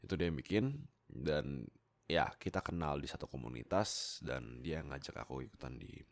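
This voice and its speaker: A young man from Indonesia chats with a low, creaky voice, speaking expressively at normal speed into a close USB microphone. The amateur voice actor and content creator tells his followers casual stories, informal, giggly and quick to put himself down.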